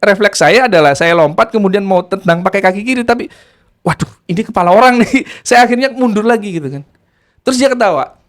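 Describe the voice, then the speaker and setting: A man with a notably high voice recounts events in a relaxed, conversational way. His delivery is animated, dropping low and quiet, then rising with excitement. He sounds like a spiritual practitioner sharing his experiences. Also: quick pace. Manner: animated, swinging between hushed and excited. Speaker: ruqyah practitioner telling of an exorcism. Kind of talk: casual storytelling.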